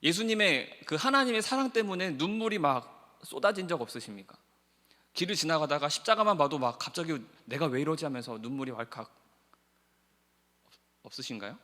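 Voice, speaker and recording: A male pastor preaching a sermon, swinging between hushed, soft passages and loud, impassioned pleading. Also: a little high, animated, a little fast. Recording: long church hall reverb.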